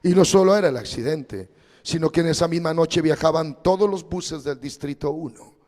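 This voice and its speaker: A pastor preaching a sermon as dramatic storytelling, his voice swinging between loud and hushed. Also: a little high, normal speed, big-room sound.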